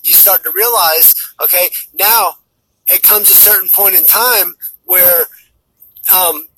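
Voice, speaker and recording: A man's voice: high-pitched, slow pace, background noise. A man giving a rambling spiritual monologue, tagging "okay?" onto nearly every phrase and often repeating and restarting his words. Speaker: spiritual speaker.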